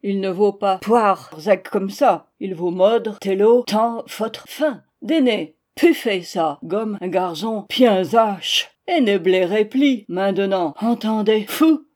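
Storybook role: female reader voicing a brash tipsy male spirit, German accent, mangled consonants, soft warm tone. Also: medium pitch, expressive, takes it slowly, few pauses. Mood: soothing. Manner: slurred mangled consonants, loud and blustering.

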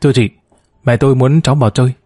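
A man's voice: mid-range voice, racing, warm tone, dry recording, clean studio sound, close to an everyday voice. A man reading as an earnest young son-in-law. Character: dutiful son-in-law, a worried young husband.

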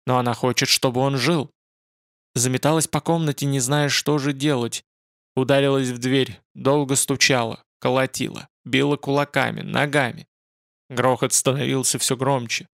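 A man narrating a fantasy audiobook in a measured, dramatic way. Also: mid-range voice, steady tone, vocal fry, no echo, clean studio sound.

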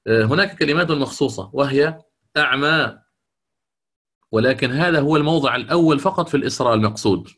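A man with a medium-pitched, fairly bright voice lectures on the rules of Quran recitation. He explains step by step, quizzes his students, and chants the verses he cites.

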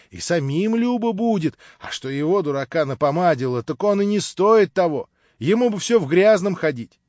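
A man voicing a fussy, fretful young woman hostess who scolds and pleads by turns, his voice raised high. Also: no room sound. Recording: dull, dry recording.

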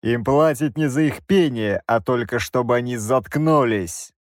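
A man voicing a furious, irritable nonhuman male hero who shouts and snarls. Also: medium pitch, measured pace, dry recording, clean studio sound, lightly acted.

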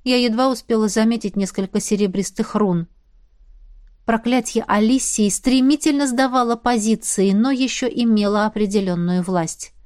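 A woman narrating a fantasy novel in the first person, in a lively, expressive storytelling manner. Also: fairly high pitch, normal speed, no room sound, studio quality. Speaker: audiobook narrator.

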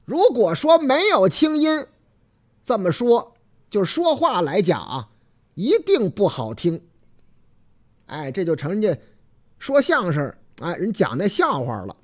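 A man with a Beijing accent hosting a casual radio talk show, chatty and folksy with drawn-out filler particles. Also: high-pitched, huge pitch swings. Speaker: radio host.

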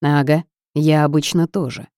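A woman's voice: deep voice, fairly even intonation, normal speed, mellow, no room sound, clean studio sound, natural voice. A woman voicing a secretive, gluttonous male forest creature with a wry, teasing manner.

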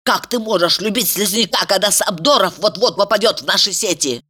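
A woman's voice: a little fast, pushed and bright, breathy edge. A woman voicing a bossy, scheming young woman who scolds and shrieks at her friend. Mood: scolding, shrill. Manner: shrill, scolding, sarcastic.

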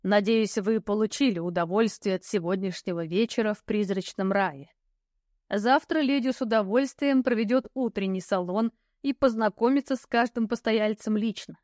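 A woman voicing a haughty, curt male ghost knight who gives slow, growled commands. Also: medium pitch, darkish tone, no echo, studio quality, close to an everyday voice. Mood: dignified.

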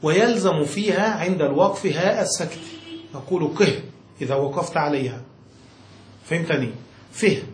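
Reading aloud from a classic Arabic grammar work, a man explains each passage to a student and keeps checking comprehension with questions. He speaks at a moderate pace with long pauses, in a slightly high voice. The room echoes, with faint noise.

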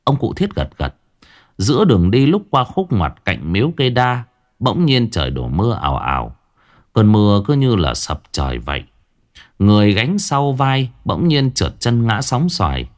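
Lively, low-voiced male ghost story teller. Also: normal speed. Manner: dramatic, expressive storytelling.

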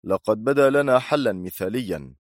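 A man's voice: medium pitch, lively intonation, normal speed, no room sound, voice pushed up, natural voice. An irritable, cornered government minister, voiced by a male audiobook narrator, answers with tense, hesitant lines. The sound is dry and close to the mic. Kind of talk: audiobook character voice.

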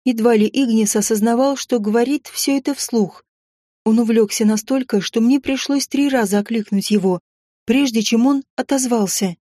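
A woman narrating a first-person audiobook in an expressive, even storytelling manner. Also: on the high side, moderate pace, no echo, clean studio sound.

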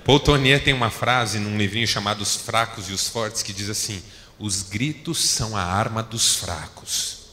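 A man preaching a sermon as a pastor, telling stories and acting out arguments with a rising, animated voice. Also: fairly low pitch, normal speed. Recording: long hall reverb, faint ambience.

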